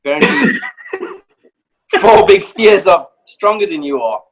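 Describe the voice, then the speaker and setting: A man, a professional hunter, telling a lively story in a casual, animated way and acting out voices. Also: sits high, slow pace, soft background music, low-quality recording. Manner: animated, laughing, acts out voices.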